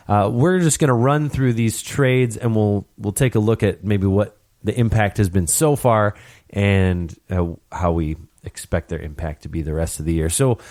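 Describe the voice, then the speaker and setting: A man's voice: on the low side, a little mellow, no echo, studio quality. A young man hosting a casual hockey podcast, telling stories with animation and mimicking people. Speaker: podcast host.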